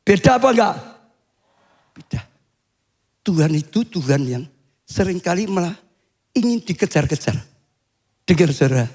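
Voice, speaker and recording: Older male pastor, high voice. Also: big pitch swings, normal speed, pauses often. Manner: swings to high shouting when acting out cries. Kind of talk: sermon.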